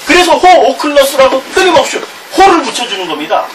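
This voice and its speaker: A man's voice: very high-pitched, very animated, fast. A middle-aged male pastor with a Gyeongsang Korean accent, preaching a sermon, reading scripture aloud with chuckling asides. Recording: distant mic with background noise.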